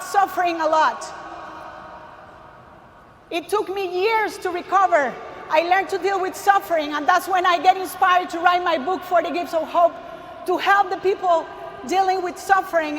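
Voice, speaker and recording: Woman, Costa Rican Spanish accent, very high voice, emphatic testimony, calls out to crowd, long hall reverb. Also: fairly bright tone, a little hiss or hum. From Costa Rica. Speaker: speaker giving a testimony. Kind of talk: faith testimony to a large audience. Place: large arena stage.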